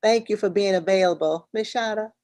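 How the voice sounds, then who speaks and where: A woman's voice: medium pitch, fairly quick, darkish tone, no room sound. A woman hosting a children's class on a video call, informal and instructive, repeating her directions. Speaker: host of a virtual children's class.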